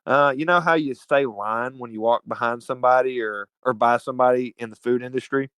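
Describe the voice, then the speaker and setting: A man from Alabama with a Southern US accent, telling stories as a podcast guest in an animated, slangy, profane way. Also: mid-range voice, fairly quick, clear, resonant tone, dry recording. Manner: animated, slangy and profane, calls everyone dude. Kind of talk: casual storytelling chat.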